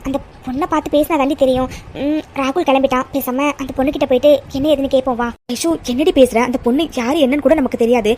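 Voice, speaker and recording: A woman voicing a brisk, high cartoon girl. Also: darkish tone, a little hiss or hum, natural voice. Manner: brisk and insistent. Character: young woman, bold and protective friend. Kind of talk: cartoon voice acting.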